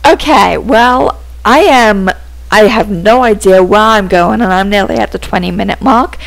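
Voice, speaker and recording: A woman's voice: mid-range voice, normal speed, creaky, rough recording. A woman hosting a let's play, muttering through gameplay commentary in a flustered, self-deprecating way.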